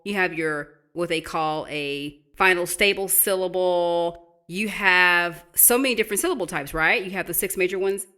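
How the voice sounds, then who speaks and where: A woman's voice: on the low side, sharp tone. A middle-aged woman and teacher explaining spelling tips to parents in a patient, encouraging way, spelling words out letter by letter. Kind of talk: instructional talk to parents.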